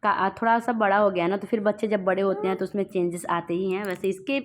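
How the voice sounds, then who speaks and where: A woman's voice: mid-range voice, little pitch movement, fast. A young woman, a mother, chatting casually to viewers in a home vlog, rambling and speaking straight to her audience. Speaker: vlogger and mother. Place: at home indoors.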